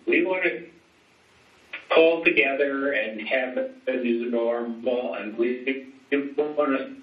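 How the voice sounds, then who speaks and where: Slow man on a glitchy group call. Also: medium pitch. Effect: audio over a group video call, cutting out. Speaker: local official. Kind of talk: remarks in an online public meeting. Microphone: computer mic on a video call. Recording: lo-fi roomy call audio, distant mic.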